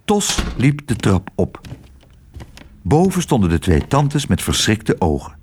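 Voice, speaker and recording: A man narrating a children's storybook with expressive, varied intonation. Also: lowish voice, measured pace, a little hiss or hum. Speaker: audiobook reader.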